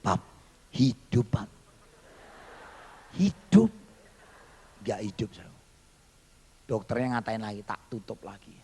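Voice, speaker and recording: A man's voice: fairly low pitch, little pitch movement, a little fast, long pauses, darkish tone, husky, long reverb tail. A male pastor telling a testimony in a sermon, animatedly acting out the voices he quotes.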